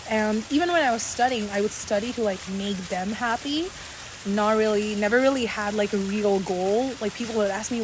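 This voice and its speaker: A woman's voice: mid-range voice, background noise. A woman in her twenties who grew up in Saudi Arabia, chatting in a casual, confiding vlog with many fillers. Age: 20s. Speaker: content creator.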